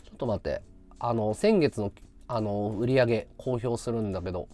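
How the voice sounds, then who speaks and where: A man's voice: fairly low pitch, a little fast, dark tone. A man chatting casually on his livestream, rambling and muttering to himself as he works out figures. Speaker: live streamer.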